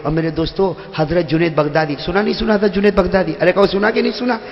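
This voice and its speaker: A man's voice: sits high, fairly even intonation, highs cut off. A male preacher giving a humorous sermon to a seated gathering in a large hall, teasing listeners by name and calling out to the crowd. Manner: jokey, teases listeners by name, calls out to the crowd. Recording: echoey hall with long reverb.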